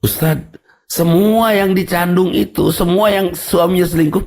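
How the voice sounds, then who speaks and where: A man's voice: high voice, steady tone, measured pace, a little mellow. A man putting on a pleading wife. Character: pleading middle-aged wife, protective of her husband.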